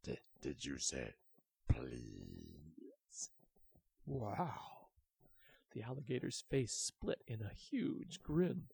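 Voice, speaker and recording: A gruff, softhearted alligator from a bedtime story, voiced by a man. His voice sits low and rough, with a gravelly rasp. He sounds gentle underneath the gruffness. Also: very animated, extremely slow, pauses often, heavily acted. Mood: amazed.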